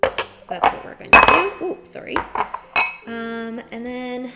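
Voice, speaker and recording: A woman's voice: on the high side, monotone, unhurried, heavy background noise. A woman chatting playfully to her viewers while she cooks in a kitchen. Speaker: cooking streamer. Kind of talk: casual cooking chat. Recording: music playing behind.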